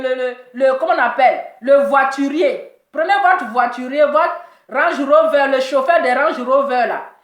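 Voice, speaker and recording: Woman, high voice, mocking gossip commentator, repeats punchlines, echoey room. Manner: teasing, repeats her punchlines, laughs often.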